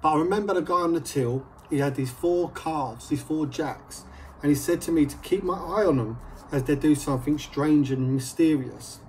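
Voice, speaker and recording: A man's voice: a little high, moderate pace, darkish tone, a little hiss or hum, low-quality recording. A man performing as a children's party magician, telling stories and explaining each trick step by step to a child.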